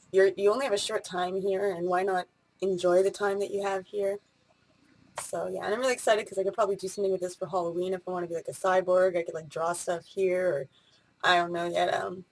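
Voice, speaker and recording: A woman in her late twenties talks casually in a vlog, rambling on the spur of the moment with many fillers and restarts. Her voice is mid-range, and the recording is rough.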